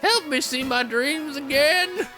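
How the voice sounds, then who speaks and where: A woman voicing a kindly, wise old man who explains things in a measured, musing way. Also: high-pitched, pushed and bright, faint music behind, voice pushed up, exaggerated voice. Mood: wistful.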